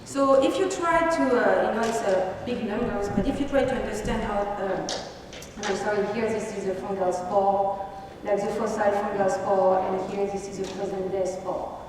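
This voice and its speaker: A woman's voice: medium pitch, steady tone, moderate pace, a crowd in the background. French-accented woman presenting in an echoey hall. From France. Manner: hesitant, many fillers and restarts, explaining slides. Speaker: university researcher giving a talk. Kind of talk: conference presentation. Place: conference hall. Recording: echoey hall, distant mic, background noise.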